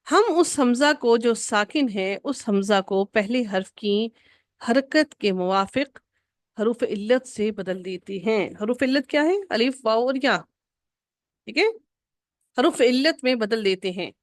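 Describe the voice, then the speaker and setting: A woman teaching an Arabic grammar lesson, patiently repeating each rule slowly for her students. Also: a little high, no echo, studio quality.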